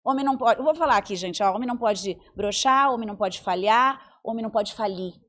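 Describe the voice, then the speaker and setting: A woman in her forties, a psychologist and mentor, talking in an animated way on a podcast and acting out the voices she quotes. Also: a little high, fairly quick. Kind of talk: podcast conversation.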